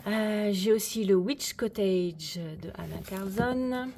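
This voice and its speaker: Taking things slowly, a woman with a mid-range voice walks viewers through her coloring corner in a relaxed, friendly, somewhat hesitant chat. She's a coloring hobby vlogger, and background noise can be heard.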